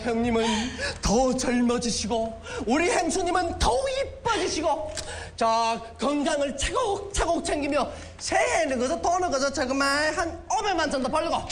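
Guy doing loud braggy bachelor in a skit, yanbian chinese-korean accent, really high voice, noisy recording. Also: lively intonation, moderate pace, hardly any pauses. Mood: effusive. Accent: Yanbian Korean from China. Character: brash, boastful younger bachelor visiting an older couple. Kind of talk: comic sketch acting. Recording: clear background noise with clicks.

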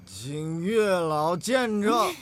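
An actor playing a devoted, bashful young suitor in a costume drama, speaking in an earnest, hesitant way. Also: male voice, high voice, animated, very slow, full character voice. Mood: earnest vowing.

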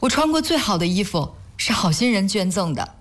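In a sentimental audio drama, a woman acts as a tender wife committed to charity, speaking earnestly in a slightly husky, medium-pitched voice. Her delivery is brisk and sing-song, with an earnest, grateful mood.

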